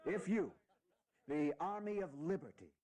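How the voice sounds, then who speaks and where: A man playing a dignified, fatherly aging general, giving stirring, deliberate and sometimes halting oratory in a historical audio drama. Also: on the high side, big pitch swings, a crowd in the background. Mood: grave, stern. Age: older.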